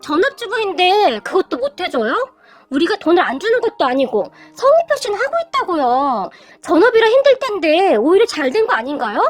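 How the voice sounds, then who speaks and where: A woman's voice: extremely high pitch, lively intonation, normal speed. A woman voicing a brazen, shameless sister-in-law who whines when crossed. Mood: brazen, aggrieved. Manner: brazen, whining.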